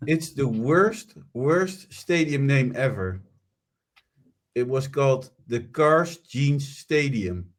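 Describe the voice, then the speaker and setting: A man's voice: medium pitch, lively intonation, slow pace. A man with a Dutch accent co-hosting a football podcast, curious and full of joking asides. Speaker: podcast co-host. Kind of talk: casual football podcast chat.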